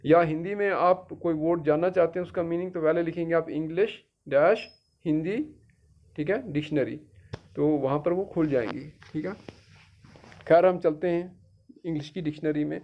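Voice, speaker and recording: A man's voice: a little high, normal speed. A middle-aged male teacher from Jammu and Kashmir giving a patient, step-by-step tutorial and checking in with his students after each step. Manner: patient, repetitive, keeps checking with "theek hai". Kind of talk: screen-guided tutorial. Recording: dull lo-fi recording.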